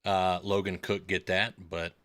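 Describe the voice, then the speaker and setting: A man's voice: low voice, level tone, a little slow, a bit bright, smooth. A man in his thirties hosting a live stream, chatting casually and telling rambling stories. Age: 30s. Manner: rambling storyteller with filler words and restarts.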